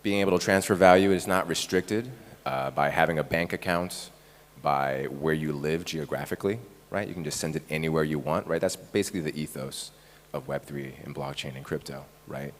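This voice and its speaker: A man with an extremely deep voice speaks from a conference stage, his words ringing through a hall with long reverb. He grew up in Taiwan and talks in an easygoing, conversational way, tagging points with quick checks to the crowd. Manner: relaxed, conversational, frequent "right?" tags. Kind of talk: conference presentation.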